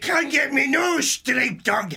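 A man voicing a breathless villainous male sea rat in an audiobook, with a high, strained, gravelly voice, taunting and shouting. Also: animated, takes it slowly, exaggerated voice. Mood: gloating. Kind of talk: audiobook character voice.

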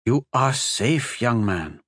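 A man voicing a kind, motherly woman healer who soothes gently and holds firm in an argument. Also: mid-range voice, animated, slow, husky, no room sound, clean studio sound, full character voice. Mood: soothing. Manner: soothing, scolding gently, stands her ground when pressed.

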